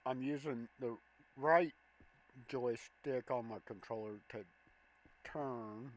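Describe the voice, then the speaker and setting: A man hosting a gameplay walkthrough, calmly explaining each button press step by step. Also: medium pitch, poor audio. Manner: slow, plain step-by-step explaining of controls. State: has the hiccups. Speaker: gameplay video host.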